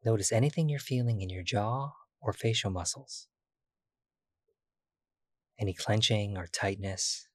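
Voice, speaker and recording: Soft-spoken man guiding a meditation. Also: on the low side, dry recording, studio quality. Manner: slow, soft and soothing, with long pauses. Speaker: meditation guide. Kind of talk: guided body-scan meditation.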